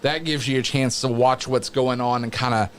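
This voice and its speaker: A man who works as a wrestling announcer, chatting casually as an interview guest in a halting, reflective way. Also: medium pitch, steady tone, a little hiss or hum.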